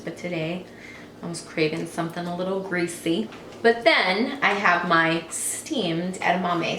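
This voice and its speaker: A woman vlogger chatting casually in her home kitchen, relaxed and often trailing off quietly. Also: lowish voice. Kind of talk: casual chat. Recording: roomy kitchen echo, faint noise.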